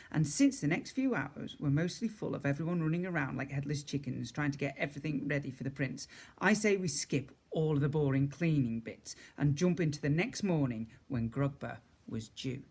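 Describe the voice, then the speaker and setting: A man with a slightly high, gravelly voice reads a children's story aloud the way a teacher would. He's expressive and adds chatty asides for his young listeners.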